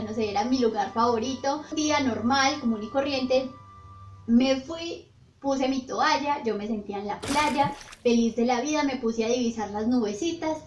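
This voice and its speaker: A young woman vlogger telling her own paranormal stories in an animated, breathless way. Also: on the high side. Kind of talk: storytime narration. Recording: roomy, slightly dull, faint music. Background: faint background music.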